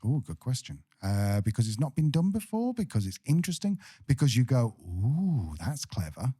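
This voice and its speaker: A man's voice: mid-range voice, sing-song, fairly quick, warm tone. A man co-hosting a podcast in casual chat, joking and playfully sarcastic. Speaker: podcast co-host.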